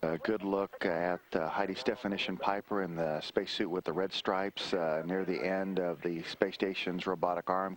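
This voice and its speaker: A man giving live mission control commentary in a measured, halting way with frequent hesitations. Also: low voice.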